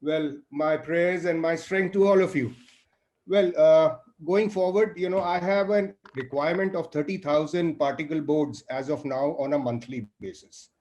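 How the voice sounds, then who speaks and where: Man explaining in a meeting, higher voice. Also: darkish tone. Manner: measured, explanatory, frequent fillers. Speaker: furniture buyer in a trade meeting. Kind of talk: online business meeting.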